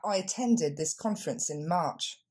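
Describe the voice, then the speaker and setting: A woman gives a scripted English lesson, pausing to pronounce words deliberately. Her voice sits low and mellow, with a soft husky edge. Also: expressive. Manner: clear, deliberate modeling of pronunciation. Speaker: English teacher.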